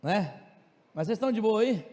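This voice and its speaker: A man with a Tocantins Brazilian accent teaching a class in a joking way, talking loud and fast with asides to his students. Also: sits high, animated. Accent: Brazilian Portuguese, Tocantins region. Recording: long reverb of a classroom.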